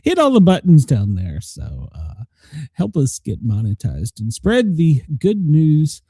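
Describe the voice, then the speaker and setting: A man's voice: on the high side, wildly swooping pitch, unhurried, warm tone, slightly rough, no echo, clean studio sound. A man hosting a live talk show in casual chat, stumbling over his words and joking at his own expense. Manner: stumbles over words, self-deprecating, jokey. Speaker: radio show host.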